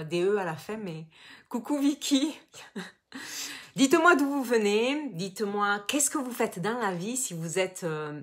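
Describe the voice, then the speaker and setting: Woman, southern French accent, business coach hosting a live online class, chatty, reads viewer comments aloud. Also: mid-range voice. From Toulouse, southern France.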